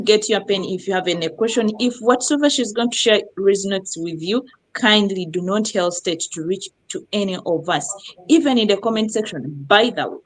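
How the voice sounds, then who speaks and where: A woman's voice: medium pitch, rough recording. Middle-aged woman from uganda hosting a live web show, gushing and upbeat, says stuff twice. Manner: lively, effusive, repeats words for emphasis. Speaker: host.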